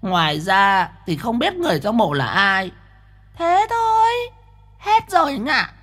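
A man's voice: sits high, huge pitch swings, bright, forceful tone, voice pushed up, heavily acted. A man voicing a flamboyant, effeminate ghost who is whiny and dramatic, wailing and drawing out his pleas. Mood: gossipy. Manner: wailing, drawn-out pleading. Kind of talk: audiobook ghost story.

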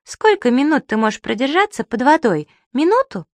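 A woman's voice: high voice, sing-song, moderate pace, no room sound, voice pushed up. A woman voicing a demanding, easily disappointed little girl in an audiobook. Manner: demanding, whiny.

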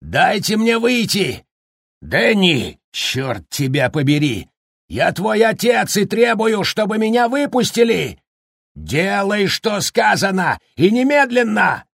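A man voicing a raging, unhinged middle-aged father who shouts threats in a husky voice. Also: low-pitched, very animated, extremely slow, no room sound, clean studio sound, full character voice.

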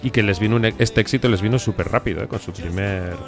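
A man with a Spanish accent from Spain and a hoarse, raspy smoker's voice from a sore throat, hosting a casual radio chat. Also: fairly low pitch, quick pace, faint music behind. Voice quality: raspy, boozy-sounding voice from a bad throat. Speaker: radio show host.

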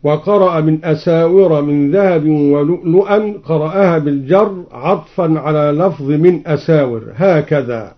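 Man, measured and precise, slightly high voice, explains readings then chants examples, muffled old radio recording. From Egypt. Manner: measured, precise, switching between plain explanation and slow chanting. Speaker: Quran reciter and teacher.

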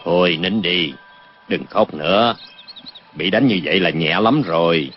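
A man's voice: deep voice, a little slow, faint music behind. An actor playing a kind, indulgent middle-aged father in a martial-arts story, in a dull lo-fi recording with faint noise. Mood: scolding.

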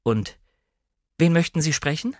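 A man's voice: a little high, measured pace, no room sound, clean studio sound, pitched above the performer's own voice. A man voicing a timid, nervous young wife, raising his voice into a hesitant, anxious tone.

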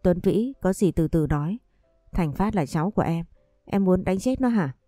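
A man's voice: high voice, lively intonation, moderate pace, dark tone, no room sound, clean studio sound, faint music behind. A woman voicing a stern middle-aged father who scolds his son, in a read-aloud story. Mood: alarmed pleading. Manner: scolding, commanding.

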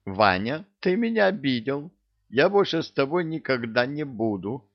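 A man voicing a hysterical, weepy middle-aged woman pleading with her lover in a raised falsetto. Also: big pitch swings, moderate pace. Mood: wailing. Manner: wailing, pleading. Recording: dull dry recording.

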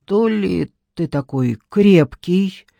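A man reading an audiobook, voicing a cold, mocking female interrogator who speaks calmly and sneers. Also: on the high side, slow pace, no echo, heavily acted. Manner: calm, sneering, dry laugh.

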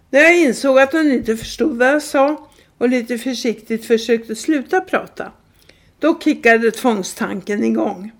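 A woman reading a humorous first-person story aloud from a book, in a deadpan storytelling manner. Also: on the high side. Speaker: reader.

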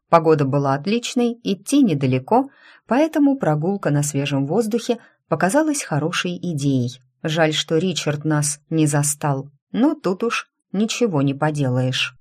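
Low-voiced woman reading a story. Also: expressive, moderate pace, a little mellow. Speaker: audiobook narrator. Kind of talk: first-person storybook narration.

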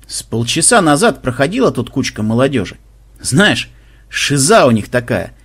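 Burly, blustering tavern keeper, played by a man; loud, husky, talkative. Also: medium pitch, very animated, moderate pace.

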